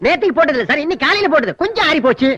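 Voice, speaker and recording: A blustering eatery owner. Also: male voice, extremely high pitch, very fast, no echo, faint music behind, exaggerated voice. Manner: scolding, blustering, animated. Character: short-tempered eatery owner chasing an unpaid bill. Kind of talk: Tamil film comedy acting.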